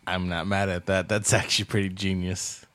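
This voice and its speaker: A man co-hosting a comedy podcast in casual chat, wry and deadpan, turning excitable now and then. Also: sits low, moderate pace, no room sound. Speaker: podcast co-host.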